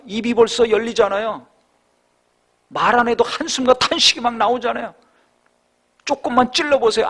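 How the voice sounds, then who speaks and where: This is a man with a very high voice delivering a sermon as a pastor. He poses rhetorical questions and alternates between raised urging and hushed, reflective moments.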